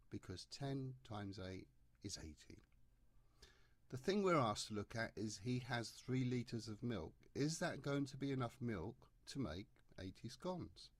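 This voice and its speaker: A man's voice: medium pitch, no room sound. Guy walking through a maths paper, jokey, plain voice, dry room. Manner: chatty, jokey, explains step by step. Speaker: maths tutor. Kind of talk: exam paper walkthrough lesson.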